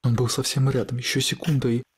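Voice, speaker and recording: A man reading a scripted horror story in a measured, dramatic way. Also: medium pitch, little pitch movement, slight background noise.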